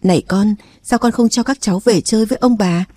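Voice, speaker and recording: A plain-spoken old village mother , as a woman narrator puts her on talks in a homely, gently scolding way. Her voice is mellow and dry-recorded. This is a storybook reading. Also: medium pitch, brisk, no room sound, close to an everyday voice.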